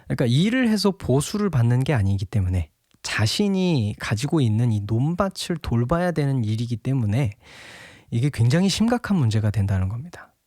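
A man's voice: medium pitch, big pitch swings, fairly quick, darkish tone, dry recording, clean studio sound. A young man giving a casual devotional Bible talk, chatty and laughing often, at times acting out a scolding father.

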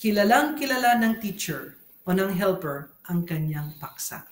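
A man's voice: high-pitched, expressive, normal speed. A man in his thirties with a Filipino accent, giving a teaching sermon at a pulpit, switching between languages, repeating key phrases and asking questions. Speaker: pastor. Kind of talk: bilingual church teaching sermon. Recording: echoey room.

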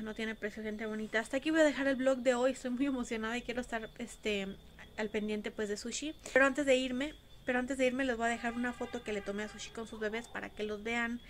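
A woman's voice: on the high side, a little hiss or hum. A young Mexican woman with a Mexican accent, vlogging in a chatty, casual way and repeating phrases for emphasis. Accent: Mexican Spanish. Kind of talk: casual vlog chat.

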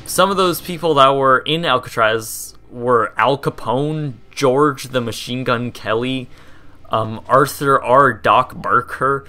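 A man's voice: mid-range voice, pushed and bright. A young man hosting a casual history video, chatty and rambling, laughing and tripping over words. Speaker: host.

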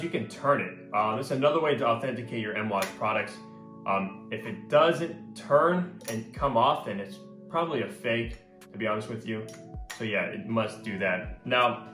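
A man's voice: on the low side, a bit bright. Enthusiastic male fragrance reviewer, echoey room. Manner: enthusiastic, repeats "very, very". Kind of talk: casual product review. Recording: echoey room with faint guitar music. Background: faint guitar music.

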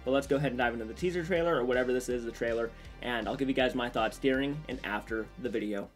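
A young man chats through his thoughts on a trailer, rambling and restarting as he goes. His voice sits at a middle pitch, with faint music underneath. He sounds close to the camera in a small room. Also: fast talker. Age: young adult. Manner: rambling, chatty, lots of restarts and fillers. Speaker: trailer reaction channel host. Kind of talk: casual reaction commentary. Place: small room with shelves of horror collectibles.

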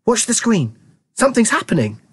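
A reader voicing an eccentric, excitable male inventor in a children's story, fussy and gleeful, given to musing. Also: mid-range voice, moderate pace, breathy edge, pitched above the performer's own voice, heavily acted. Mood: gleeful excitement. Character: eccentric, excitable old-fashioned male factory owner and inventor.

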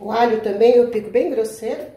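Brisk and a little high, with a dark tone, a Brazilian woman talks viewers through a home cooking tutorial. She's off-camera in an echoey kitchen, picked up by the camera mic. Constantly chatty, she peppers her talk with "tá?" and calls viewers "gente."

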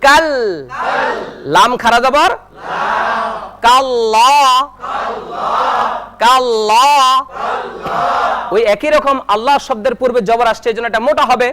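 A male Quran teacher leading a televised lesson, spelling out Arabic syllables and chanting them slowly for students to repeat. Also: very high voice, a crowd in the background, background noise. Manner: slow drawn-out chanting of syllables, brisk instructions in between.

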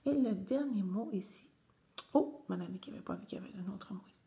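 A woman's voice: medium pitch, expressive, a little fast, creaky, warm tone. A woman teacher, patiently guiding young children through a reading lesson and repeating each word several times.

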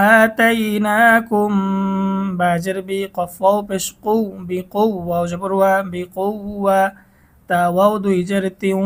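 Bangladeshi man spelling out Quran lessons. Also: high voice. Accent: Bangladeshi Bengali. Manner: spells out letters and vowel marks, then draws out whole words slowly. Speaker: Quran reading teacher.

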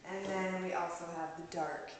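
A woman's voice: lowish voice, fairly even intonation, moderate pace. A woman in her thirties hosting a casual home cooking video, chatty and giggly, filmed on a camera mic in a large home kitchen. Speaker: cooking vlog host. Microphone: camera mic across the room. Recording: echoey kitchen with hiss.

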